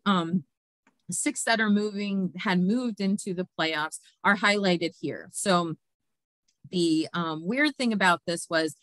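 A woman's voice: fairly low pitch, a bit bright, no echo. A woman hosts an online show and walks through the competition results in a loose, chatty way. She uses plenty of fillers and laughs often. The sound is dry and close, with almost no room around it. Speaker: host. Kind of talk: casual presentation of competition results.

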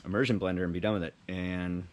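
Cooking in his kitchen and later out on his road bike, a fortysomething cycling vlogger chats to the camera in a relaxed, self-deprecating style. His voice is low and steady and he talks quickly. Background noise and underlying music run through the action-camera audio, recorded on the bike or close at hand.

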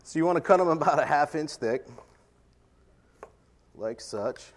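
A man's voice: fairly high pitch, expressive, unhurried, a little hiss or hum. A man, a chef, giving a live cooking demonstration on a conference stage, joking and chatting with the audience. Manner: joking, chatty, self-deprecating, playful with the audience. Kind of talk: live cooking demo keynote.

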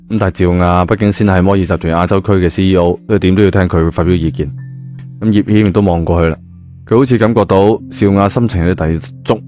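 A slightly mellow, low male voice narrates a novel with a Cantonese accent. The delivery is colloquial, like casual storytelling, full of spoken particles, over a bed of background music.

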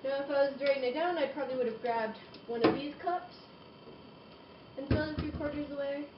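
A young woman talks her way through a recipe with a fairly high, chatty voice, tossing out playful asides while she works. She stands back from a camera across a roomy kitchen, so she sounds distant and echoey. The dull home video audio carries a clear hiss underneath. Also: fairly quick. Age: young adult. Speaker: home cooking vlogger. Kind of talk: casual cooking demonstration. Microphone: camera across the room.

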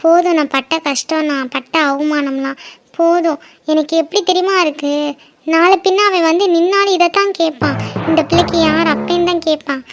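A woman's voice: extremely high pitch, fairly even intonation, normal speed, faint music behind. A woman voicing a young pregnant woman in a cartoon drama, talking in an earnest, hurt way about being abandoned. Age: young adult. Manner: earnest, hurt, steadily explaining.

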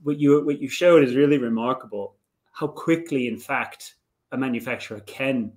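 A man interviewing an industry expert, asking measured, reflective questions with some hesitant restarts. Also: medium pitch, a little mellow.

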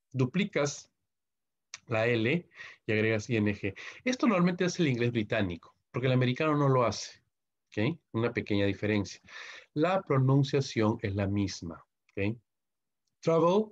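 A man from Peru with a Peruvian Spanish accent, teaching English grammar in a recorded online lecture and stopping often to ask "¿ok?". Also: fairly low pitch. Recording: muffled lo-fi audio.

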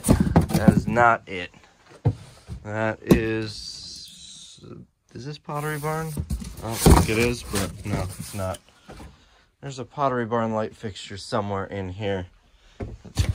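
Against a noisy background, a man in his thirties speaks in a mid-range voice. He's a reseller vlogger having a casual, rambling chat as he thinks aloud into an arm's-length phone indoors in a large warehouse and storage room.

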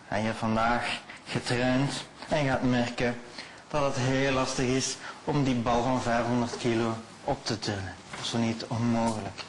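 Man hypnotizing, slow and soothing. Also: mid-range voice, a little hiss or hum. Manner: slow soothing repetitive suggestions, often hushed. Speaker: stage hypnotist. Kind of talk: hypnosis show patter.

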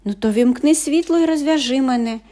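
A woman reads as a cranky older boy who grumbles and snaps at his little sister. His lines come a little higher and louder than the narration, impatient and bossy, as in a fairy tale read aloud. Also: brisk, close to an everyday voice. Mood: grumpy. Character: grumpy older boy, big brother. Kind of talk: audiobook fairy tale reading.

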